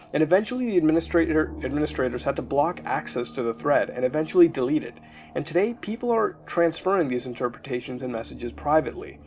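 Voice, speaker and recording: A man's voice: fairly high pitch, a little mellow. A man casually narrating a creepy internet story for a video, with the occasional filler as he goes. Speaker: YouTube narrator.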